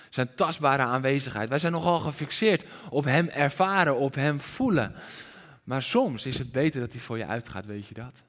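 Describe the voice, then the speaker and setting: A man preaching a sermon to a congregation in a hall, animated and questioning his listeners directly. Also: medium pitch. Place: church hall with congregation and livestream. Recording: reverberant hall.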